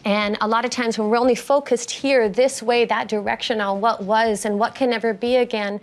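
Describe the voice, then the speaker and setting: A woman giving a reflective inspirational talk in earnest, halting, abstract phrases. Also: on the high side, steady tone. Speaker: co-speaker.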